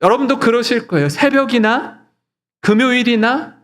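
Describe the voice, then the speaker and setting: A man's voice: extremely high pitch, normal speed, a bit bright. A male pastor preaching a sermon earnestly, putting rhetorical questions to his congregation.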